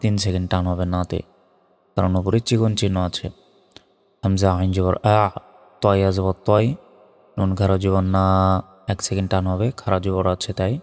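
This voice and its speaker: Gravelly low-voiced man teaching recitation. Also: little pitch movement, moderate pace, long pauses, darkish tone. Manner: spells out Arabic letters syllable by syllable, patient and instructive. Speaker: Quran teacher. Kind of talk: instructional recitation lesson. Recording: long reverb with faint background music.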